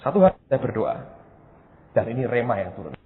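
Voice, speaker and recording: A middle-aged man preaching a sermon, telling a personal story with animated swings between loud exclaims and quiet asides. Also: mid-range voice, fairly quick. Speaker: pastor. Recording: tinny phone-like sound with long hall reverb.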